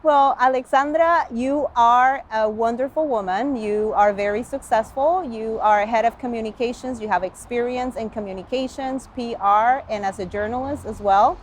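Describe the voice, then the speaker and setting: A woman's voice: on the high side, moderate pace, hardly any pauses, slight background noise. A woman hosting an interview, upbeat and friendly, who switches between languages. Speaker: interview host.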